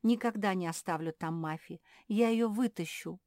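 A woman reads as the littlest girl pug, high and shrill, every word pushed out in a rush of alarm. The sound is dry and close, for an animated storybook. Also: moderate pace, no echo, natural voice. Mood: desperate. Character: youngest girl pug, small, emotional, brave.

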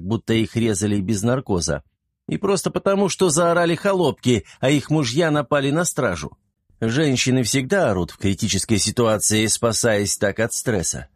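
A man narrating a fantasy audiobook in a brisk, vivid storytelling manner. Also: lowish voice, no echo, clean studio sound.

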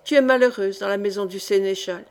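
A woman's voice: medium pitch, a little fast, lightly acted. A woman reading aloud as an old female miller who tells fortunes, commanding and solemn.

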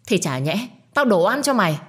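A woman voicing a spiteful, bratty young woman in a storybook reading, with a shrill, taunting, whiny delivery. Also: lively intonation, brisk, natural voice. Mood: whining.

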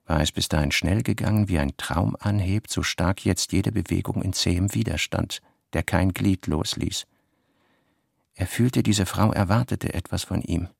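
Giving a full character voice, a male actor with a low, creaky tone portrays the brooding novelist narrator of a literary radio play, reading narration and fragmentary notes slowly and deliberately. It's a studio-quality recording with no room sound.

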